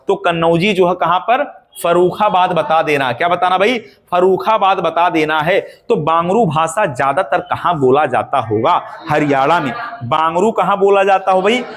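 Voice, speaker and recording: A man's voice: a little high, fairly bright tone. A man teaching an exam-prep lesson, asking questions and repeating the answers to drill them in.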